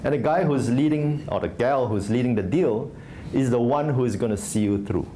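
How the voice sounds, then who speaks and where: A Singaporean man, a venture investor, gives a conversational talk on a startup conference stage, full of fillers and restarts. His voice is medium-pitched and mellow at a normal speed, with slight background noise.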